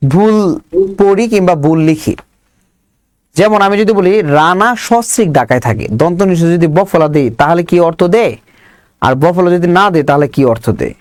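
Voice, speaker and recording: High-voiced man drilling a grammar class. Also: animated, moderate pace, dry recording, clean studio sound. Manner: drilling students with repeated questions. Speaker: Bangla grammar teacher. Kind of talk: online class lesson.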